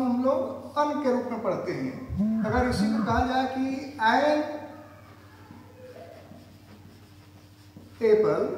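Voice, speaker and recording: A man teaching English grammar, explaining slowly and deliberately, repeating words for emphasis. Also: high voice, darkish tone. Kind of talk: grammar lesson explained in Hindi. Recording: echoey room with long reverb, faint noise.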